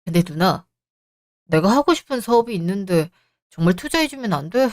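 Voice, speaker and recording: A woman's voice: medium pitch, lively intonation, moderate pace, dry recording, studio quality, close to an everyday voice. A woman voicing a jobless, sulky younger husband in a radio drama, with a pleading, whiny manner. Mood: coaxing.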